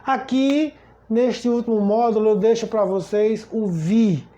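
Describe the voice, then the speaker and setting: A man's voice: high voice, fairly even intonation, a little slow, warm tone. A man teaching German in a casual spoken lesson, often asking "tá certo?" and repeating words as he goes. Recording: slightly dull lo-fi sound.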